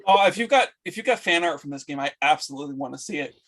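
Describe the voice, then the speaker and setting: A man who ran a tabletop game, talking it over casually in a group discussion, halting with many restarts. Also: fairly high pitch, animated, fairly bright tone. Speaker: game master.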